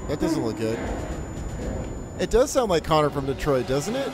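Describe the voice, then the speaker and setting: Excitable male game streamer, lively pitch. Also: normal speed. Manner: excitable, swears freely, yells at the game, calls viewers son and dude. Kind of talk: live gameplay commentary. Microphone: desk microphone. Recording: game music playing under the voice.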